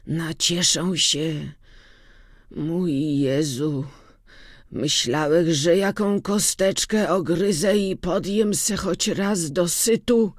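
A narrator voicing an old, sick farmhand who speaks feebly and slowly, with weary sighs, in an audiobook. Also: medium pitch, no echo, clean studio sound. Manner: slow, sighing, feeble speech. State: feverish and weak. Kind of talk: audiobook reading.

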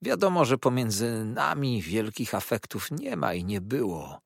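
A man voicing a sneering, venomous young male clerk who hisses his words in spite, in a storybook reading, with a husky voice in a dry recording. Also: very animated, measured pace, no room sound, full character voice. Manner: hissing, shrill, spiteful.

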